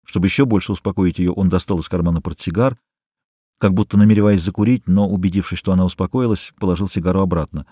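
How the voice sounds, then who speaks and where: A man narrating a novel as an audiobook reader, measured and calm. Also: sits low, dry recording, studio quality.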